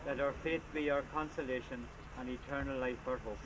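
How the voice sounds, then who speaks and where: Solemn priest praying at an outdoor graveside. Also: male voice, medium pitch, steady tone. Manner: measured, formal liturgical delivery. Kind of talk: solemn funeral prayers read at a graveside. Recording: noisy, windy outdoor camcorder recording.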